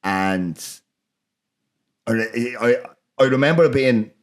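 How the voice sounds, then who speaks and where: A man's voice: medium pitch, takes it slowly. A man with a Dublin Irish accent hosting a film podcast in an informal, sweary, chatty way. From Ireland. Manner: informal, sweary, often tagging on "do you know what I mean". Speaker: podcast host. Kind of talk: casual film discussion.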